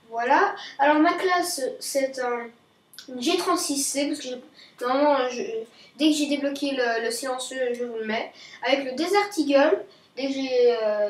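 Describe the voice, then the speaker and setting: A high-voiced woman rambles through live gameplay commentary, stopping to correct herself mid-sentence. She sits well back from the microphone in an echoey room. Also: far from the mic. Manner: rambling, chatty, self-correcting. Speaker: gaming channel host.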